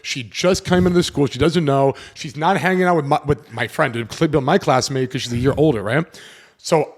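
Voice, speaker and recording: Young male podcast host from South Florida, casual storytelling, animated, foul-mouthed. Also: a little high, a little fast. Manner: animated, swears freely, acts out his younger self.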